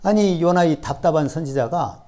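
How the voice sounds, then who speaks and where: A man preaching a sermon as pastor, telling the story lively and acting out the speakers, often turning to the congregation with short questions. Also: on the high side, normal speed. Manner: acts out biblical speech in raised voice.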